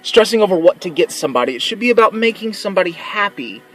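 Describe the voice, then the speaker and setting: A man's voice: high-pitched, sing-song, fast talker, fairly bright tone, rough recording. A young man talking to camera in a casual vlog, sincere and emotional, rambling with many restarts. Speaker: vlogger who works as a mall Santa.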